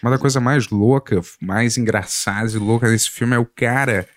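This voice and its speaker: Um homem com sotaque brasileiro numa conversa descontraída, contando casos e deixando as frases morrerem baixinho. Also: male voice, medium pitch, moderate pace, no room sound, studio quality. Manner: chatty, storytelling, trails off softly. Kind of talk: casual chat.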